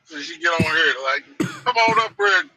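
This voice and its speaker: A man, an excitable sports talk guest who shouts to stress his points. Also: fairly high pitch, brisk, background noise. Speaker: show guest.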